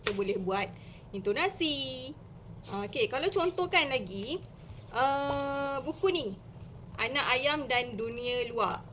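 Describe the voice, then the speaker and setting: A woman teacher with a Malaysian Malay accent giving casual live-stream tips, chatty and explaining step by step with lively emphasis. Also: sits high, takes it slowly, a little hiss or hum.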